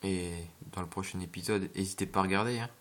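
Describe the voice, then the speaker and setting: A man's voice: low voice, fairly even intonation, fast, a bit bright. A man giving casual, rambling gameplay commentary with hesitations and jokey asides, recorded on a home computer mic. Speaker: gameplay video maker.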